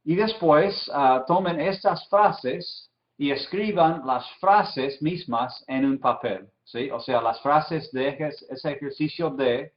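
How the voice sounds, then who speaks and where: A man teaching an online language lesson, giving exercises patiently and repeating each word slowly for his students. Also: on the high side, reverberant, muffled recording.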